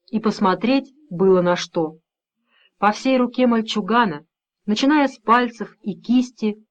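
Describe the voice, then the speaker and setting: A woman narrates a novel in a measured, expressive way at a medium pitch. The recording is slightly dull and lo-fi. Her reading is steady and clear. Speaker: audiobook narrator. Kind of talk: scripted narration.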